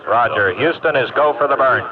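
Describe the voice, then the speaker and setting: A man's voice: medium pitch, brisk, a crowd in the background. Man on a tinny space radio loop. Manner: clipped, procedural. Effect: space radio transmission. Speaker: flight controller. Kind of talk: mission control radio calls.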